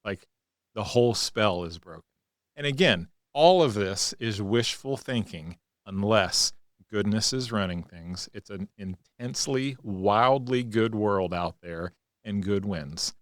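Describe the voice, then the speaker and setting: A man co-hosting a podcast, telling stories in a relaxed conversational way and acting out the quotes. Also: lowish voice, measured pace, no room sound, clean studio sound. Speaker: podcast co-host. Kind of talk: reflective conversational storytelling.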